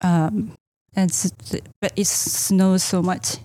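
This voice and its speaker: A woman's voice: lowish voice, fairly even intonation, slow pace, dark tone, no room sound. A middle-aged woman from Japan, a real estate agent answering interview questions in a hesitant way, with many fillers.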